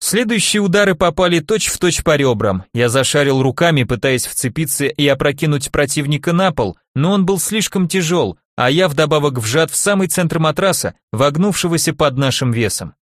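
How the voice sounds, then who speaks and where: A man narrating a fantasy audiobook in the first person, wry and deadpan. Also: fairly high pitch, normal speed, hardly any pauses, no room sound, studio quality.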